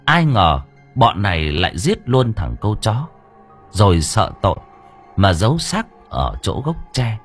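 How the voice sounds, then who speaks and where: A man narrating an audiobook story in a lively, expressive way. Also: fairly low pitch, unhurried, faint music behind.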